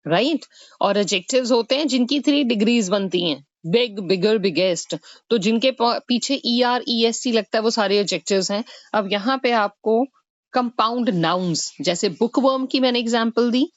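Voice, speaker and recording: Woman, patient online tutor; slow, step-by-step explanations with frequent "right?". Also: mid-range voice, no room sound, highs cut off. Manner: explains step by step, mixing Hindi with English, often asking "right?". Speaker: English teacher. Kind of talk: exam-prep online lesson.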